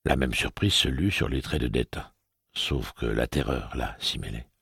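A man narrating an audiobook in a steady, even storytelling manner with a gravelly, husky voice. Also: extremely low pitch, normal speed, no echo, clean studio sound. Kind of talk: scripted narration.

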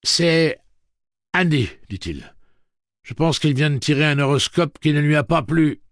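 A man voicing a defiant, quick-witted young man, shouting in a raised, strained voice. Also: on the high side, lively intonation, no echo, studio quality, voice pushed up. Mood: wry.

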